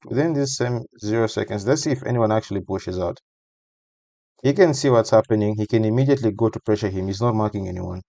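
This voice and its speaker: A man's voice: mid-range voice, darkish tone, no room sound. A man giving a casual voice-over breakdown of a football match, talking conversationally and repeating phrases for emphasis.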